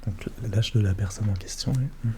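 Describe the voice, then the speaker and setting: A man doing a soft-spoken, ASMR role-play as a psychologist, questioning gently and attentively in a hushed voice that drifts into speaks softly. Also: lowish voice, fairly even intonation, a little fast, a little hiss or hum. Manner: gentle, attentive questioning with short murmured acknowledgements.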